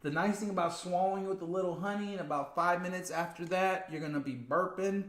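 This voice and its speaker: A man co-hosting a casual spiritual livestream, emphatic and quick to laugh. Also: high voice, reverberant. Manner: animated, laughs often, emphatic. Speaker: co-host.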